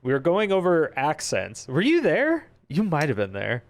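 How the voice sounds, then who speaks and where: Streamer guy joking around on a call, really lively up and down voice. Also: fairly high pitch. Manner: playful, joking, quick to laugh. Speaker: streamer host. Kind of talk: casual chat.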